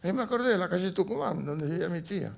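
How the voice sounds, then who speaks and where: An older man telling his life story as a guest in a TV studio interview, speaking in halting recollection with restarts and fillers. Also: high-pitched, lively intonation. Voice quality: gravelly, husky voice. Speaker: interview guest, Holocaust survivor. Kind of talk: personal testimony in a TV interview.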